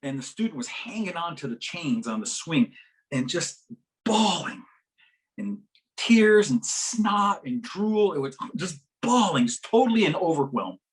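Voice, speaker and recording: Animated man telling a story in a workshop. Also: measured pace. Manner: animated, acts out quoted voices with big pitch jumps; laughs as he talks. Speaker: workshop presenter. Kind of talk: storytelling talk to a live audience. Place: conference workshop session.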